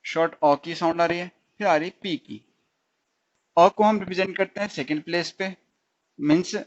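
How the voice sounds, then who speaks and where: Guy teaching a steno lesson, keeps asking if everyone's got it, goes over each sound again, a bit high-pitched, muffled lo-fi audio. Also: slight background noise. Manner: explains step by step and repeats each sound; keeps checking whether students follow. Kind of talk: recorded lesson. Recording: dull lo-fi sound.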